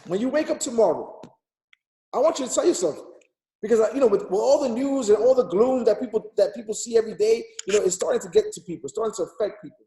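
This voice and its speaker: A man's voice: high-pitched, mellow, echoey room. A man in his thirties giving an emphatic, repetitive motivational talk on a group call, urging listeners like a preacher. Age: 30s. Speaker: motivational speaker.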